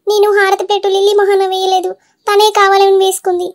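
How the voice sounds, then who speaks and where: A woman's voice: very high-pitched, monotone, fast. A woman voicing a pleading cartoon wife. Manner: pleading, plaintive. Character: wronged young wife, pleading and tearful.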